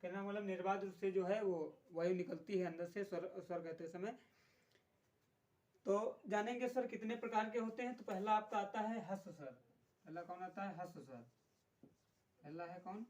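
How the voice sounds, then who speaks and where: A man's voice: high voice, moderate pace, darkish tone. Man teaching, quizzing his own questions. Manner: asks questions and answers them himself, repeats key terms; hesitant, frequent filler sounds. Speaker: exam-prep teacher. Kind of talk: Hindi grammar lesson.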